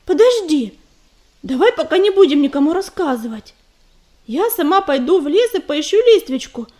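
A woman voicing a young female warrior cat who is impulsive and quick to snap. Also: high voice, sing-song, darkish tone. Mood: urgent.

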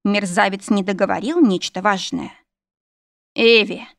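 A woman reads a fantasy novel aloud in a steady, expressive way, her voice at a middle pitch. The recording is dry and close, with no room sound. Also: normal speed, no room sound. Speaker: audiobook narrator. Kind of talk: scripted narration of a fantasy novel.

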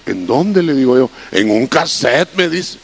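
A man's voice: medium pitch, big pitch swings, a little slow, vocal fry, breathy edge. A man preaching a sermon in a homely, anecdotal way. He strings together personal stories and keeps addressing his listeners as brothers. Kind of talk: sermon storytelling.

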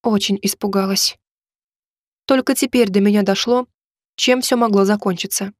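A woman reading a romance novel aloud in expressive first-person narration. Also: mid-range voice, brisk, no echo, studio quality. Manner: expressive storytelling delivery. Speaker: audiobook narrator.

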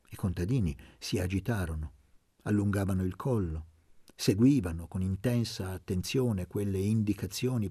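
Husky, gravelly man reading a novel. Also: low voice, no echo. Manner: dramatic, expressive reading. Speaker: audiobook reader. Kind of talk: literary audiobook narration.

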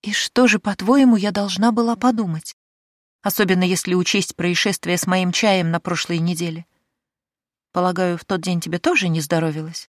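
A woman's voice: on the low side, flat delivery, brisk, dry recording, clean studio sound, natural voice. A woman voicing a capricious young noblewoman in an audiobook, with a demanding, sarcastic manner.

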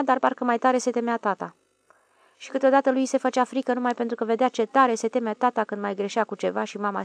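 Woman audiobook narrator, calm and measured, with a gravelly voice. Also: medium pitch.

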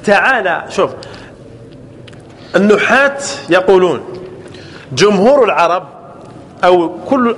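A man teaching an Arabic grammar class, slowly drawing out example words and often checking that the students follow. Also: high-pitched, a bit bright. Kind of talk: classroom lesson. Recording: echoey hall with faint ambient noise.

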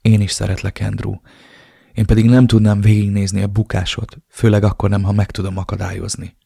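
Guy reading as a young woman in love, soft and tender, low gravelly tone, not much of a put-on. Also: little pitch movement, dry recording, studio quality, heavily acted.

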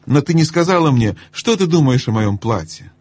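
A man's voice: on the high side, animated, moderate pace, darkish tone, voice pushed up. Man putting on a giggly, gushing young noblewoman. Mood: chatty. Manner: gushing, languid, fussing over trifles. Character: giggly, chattering young noblewoman, vain and careless.

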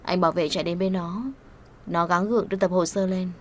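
A woman reading a melodramatic story aloud as an audiobook narrator, with steady, even delivery. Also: on the low side, a little fast, a little hiss or hum.

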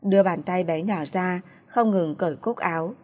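A woman narrates a novel in a steady, even audiobook reading. Her voice sits on the low side. The delivery stays measured throughout.

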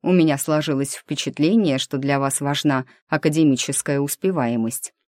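A stern male university teacher speaks in clipped, dry sentences , as a woman reads him in a low voice. The sound is close and dry, with no room around it. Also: normal speed, darkish tone, no echo, lightly acted. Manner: dry, curt.

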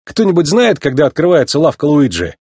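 A man's voice: on the high side, wildly swooping pitch, fairly quick, darkish tone, slightly rough, no room sound, clean studio sound, voice pushed up, heavily acted. A man voicing a cocky, playful young male race car in an easygoing tone.

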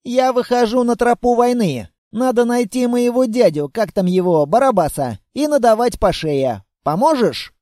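A man voicing a stubborn, excitable young girl in an audiobook, with quick, indignant outbursts. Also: extremely high pitch, no echo, clean studio sound, pitched above the performer's own voice. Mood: bossy. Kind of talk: audiobook character voice.

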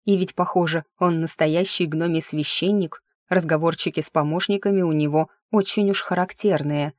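A woman's voice: on the low side, fairly even intonation, normal speed, a little mellow, no echo. A woman reading a first-person audiobook in a wry, sardonic inner-monologue manner, close to the mic. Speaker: audiobook narrator.

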